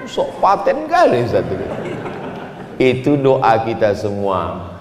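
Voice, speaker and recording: Joking preacher, echoey hall. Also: male voice, medium pitch, wildly swooping pitch, slow, a crowd in the background. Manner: chants Arabic prayer lines, jokes with the audience. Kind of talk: humorous sermon. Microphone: handheld or stand microphone.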